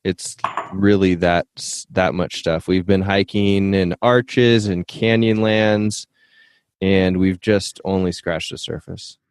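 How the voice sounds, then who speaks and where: A man's voice: low-pitched, little pitch movement, slow pace, smooth, no echo. A man hosting a podcast in casual chat, telling stories in an easygoing, slangy way. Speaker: podcast host.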